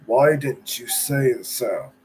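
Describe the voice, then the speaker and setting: A grumpy, fussy gatekeeper from a storybook, voiced by a man. He sounds gruff and impatient, as if every visitor wastes his time. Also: mid-range voice, slow pace, darkish tone, a little hiss or hum, lightly acted.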